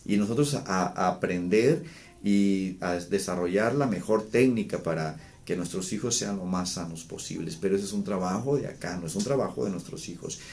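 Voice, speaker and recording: A man, a psychologist, talking calmly about parenting and guilt, explaining with frequent restarts and fillers. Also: low-pitched, moderate pace, vocal fry.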